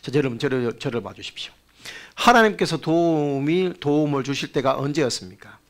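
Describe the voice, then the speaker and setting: A male pastor preaching a sermon, telling a story with rhetorical questions, swinging between loud bursts and quiet asides. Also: on the high side, animated, a little fast. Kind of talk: sermon with anecdote.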